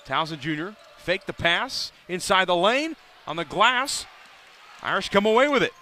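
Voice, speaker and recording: A man doing live play-by-play for a college basketball game, brisk and rising sharply on big plays. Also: sits high, lively intonation, bright, forceful tone, slight background noise. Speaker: play-by-play announcer. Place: arena broadcast booth.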